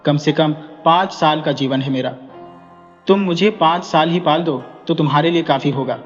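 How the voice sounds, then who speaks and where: A man's voice: a little high, moderate pace, natural voice. A man voicing a weary scolding old mother. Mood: reproachful. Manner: scolding, complaining. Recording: dull echoey recording with music.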